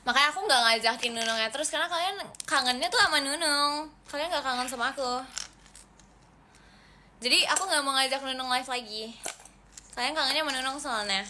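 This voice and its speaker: A woman's voice: high-pitched, fairly quick, pauses often, noisy background. A young woman from Indonesia hosting a casual livestream chat with her viewers, playful and pouty, mixing in English phrases. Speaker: idol livestream host.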